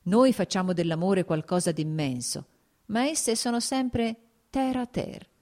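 A woman reading the lines of a married, worldly male officer who talks his friend round, in a measured, persuasive way. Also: medium pitch, animated, dark tone, lightly acted.

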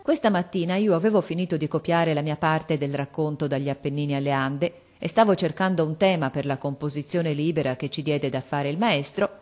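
A woman reading a story aloud in a measured, expressive storytelling manner. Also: deep voice. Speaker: audiobook narrator. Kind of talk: scripted literary narration.

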